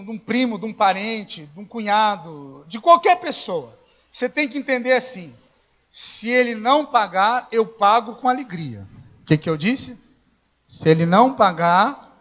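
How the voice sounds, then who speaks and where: A high-pitched man preaches a conversational sermon in a church, telling stories and acting out the dialogue. He rises to shouts at times, and the recording sounds dull and lo-fi. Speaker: pastor.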